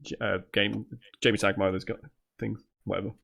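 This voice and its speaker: A man playing a board game with friends, mumbling and narrating his own moves out loud. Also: fairly low pitch, level tone, a little fast, creaky. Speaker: player in a board game session. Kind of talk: casual gaming chat over voice call.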